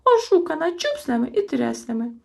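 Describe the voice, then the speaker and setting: A woman voicing an excitable old male rat-like creature from a storybook, shrill, loud and sentimental. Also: normal speed, creaky, full character voice. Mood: tearful.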